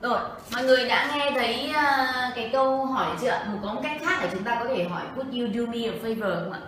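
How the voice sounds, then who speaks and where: A woman's voice: on the high side, fast, fairly bright tone, recorded from a distance, slight background noise. Vietnamese woman explaining English, echoey room. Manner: explains in Vietnamese, asks the audience questions. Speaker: co-host and interpreter. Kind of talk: livestream English lesson.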